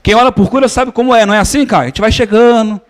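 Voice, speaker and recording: A man's voice: very high voice, steady tone, racing. A man preaching a sermon, telling a healing story in a conversational way and calling his listeners brothers. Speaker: pastor.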